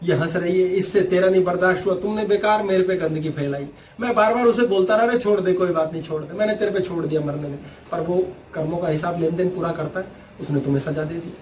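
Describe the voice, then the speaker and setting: Casting note: a man doing a serene old holy man, soft and patient, never rattled. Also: high voice, roomy sound, recorded from a distance, slight background noise, close to an everyday voice. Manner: gentle, unhurried, forgiving. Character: calm unbothered older holy man.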